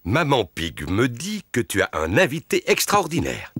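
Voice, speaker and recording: Lively jovial father pig. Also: mid-range voice, measured pace, slightly rough, no echo, clean studio sound, heavily acted. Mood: playful. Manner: mock-formal, playful. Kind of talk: children's cartoon dub.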